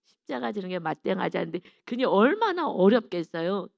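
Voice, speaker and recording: Woman pastor, dawn devotional sermon, emphatic and earnest, mid-pitched, dry close sound. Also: big pitch swings, fairly quick, vocal fry, no echo, dull audio. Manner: earnest, emphatic, acts out quarrels in quoted voices. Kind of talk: early-morning devotional sermon.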